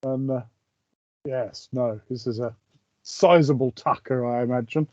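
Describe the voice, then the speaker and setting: A man's voice: medium pitch, unhurried, a little mellow, no echo. A man playing a bumbling tramp in a tabletop game, stammering and sighing. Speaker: player. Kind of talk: in-character tabletop role-play. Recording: dull, dry home mic.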